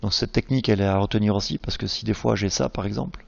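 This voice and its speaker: A man teaching a screen-recorded software tutorial, patiently explaining each click step by step. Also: fairly low pitch, fairly even intonation, fast talker, gravelly, lo-fi sound.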